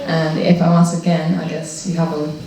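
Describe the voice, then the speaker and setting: A woman's voice: low voice, flat delivery, normal speed, warm tone. A woman in her twenties from Romania, giving a personal testimony to a room with many ums and restarts. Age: 20s. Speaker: church volunteer giving a testimony. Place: room with a live audience. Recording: very echoey room, from a distance, faint noise.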